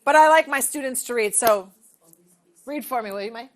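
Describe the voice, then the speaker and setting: A woman in her forties, working as a teacher trainer, leads a practical demo in a big training room, asking questions and saying "okay?" to check on everyone. She speaks at a moderate pace with a fairly high pitch.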